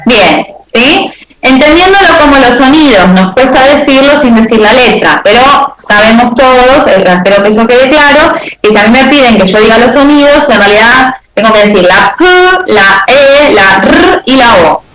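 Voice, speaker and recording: Profesora argentina que pregunta "¿sí?". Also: female voice, fairly high pitch, animated, normal speed, hardly any pauses, reverberant, a loud crowd, rough recording. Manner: checks understanding with frequent "¿sí?". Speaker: teacher. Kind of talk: class lecture with questions to students.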